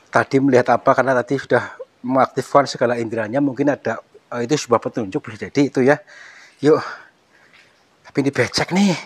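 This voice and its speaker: A man on a cave exploration vlog, talking in a hushed, nervous way and muttering prayers. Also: mid-range voice.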